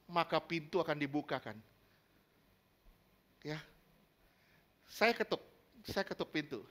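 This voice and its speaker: A man's voice: high-pitched, pushed and bright. A man preaching a sermon in an emphatic way, often asking the congregation questions and acting out little everyday scenes. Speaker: pastor.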